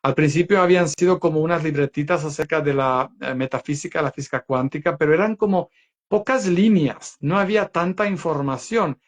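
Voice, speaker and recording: A man's voice: a little high, fairly quick. A young man from Croatia, speaking in a learned second language as an interview guest, telling his story earnestly and reflectively, with many fillers.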